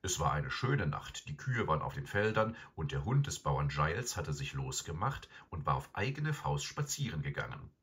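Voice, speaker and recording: A man narrating a fairy tale audiobook in an expressive, dramatic way. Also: a bass voice, normal speed, hardly any pauses, breathy edge. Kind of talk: scripted storybook narration.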